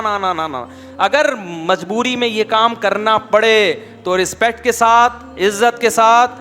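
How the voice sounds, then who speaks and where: A man with a Pakistani Urdu accent giving a conversational religious sermon, telling stories and putting questions to his listeners. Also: high voice. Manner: storytelling, asks the audience questions, imitates people softly. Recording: long reverb, faint background noise.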